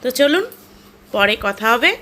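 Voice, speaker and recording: A young woman with a West Bengal Bengali accent chats through a casual home vlog, holding things up for the camera. Her voice sits a touch high. The room is echoey, with faint noise behind. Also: sing-song, a little slow, sharp tone. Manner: chatty, shows items to camera. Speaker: vlogger. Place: home, indoors.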